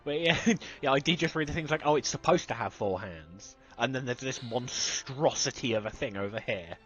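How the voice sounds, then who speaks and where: Male streamer, bright and forceful, muffled headset audio, casual and sweary, faint game music behind. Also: mid-range voice, animated, normal speed. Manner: swears often, trails off and restarts while reading on screen. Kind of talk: casual live-stream chat.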